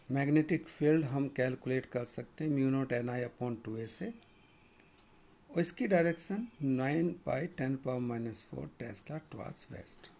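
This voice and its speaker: Male physics teacher, gravelly voice, slow and deliberate, reads problems aloud. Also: on the high side, a little mellow. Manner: mixes Hindi and English, reads question text slowly. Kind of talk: recorded lesson explaining problems.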